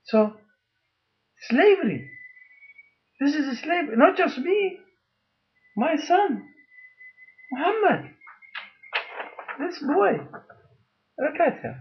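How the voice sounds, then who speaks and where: Man, very high pitch, slow deliberate emphatic delivery, personal appeal to camera; muffled lo-fi recording. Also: expressive. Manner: emphatic and repetitive, halting phrases, holds up documents. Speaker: father making a video appeal.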